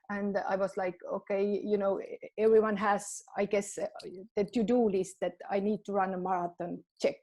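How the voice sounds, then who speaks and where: Estonian woman, halting non-native English. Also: mid-range voice, a little mellow. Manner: halting, many fillers and restarts, non-native phrasing. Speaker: marathon general manager. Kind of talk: podcast interview.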